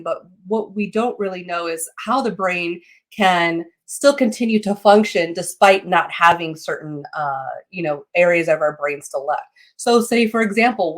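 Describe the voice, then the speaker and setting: A woman with a slightly low voice teaches in an informal, explanatory way. Her phrasing is halting, and she checks in with short tags as she explains. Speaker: teacher of meditation and psychic development. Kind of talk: informal live lesson, explanatory.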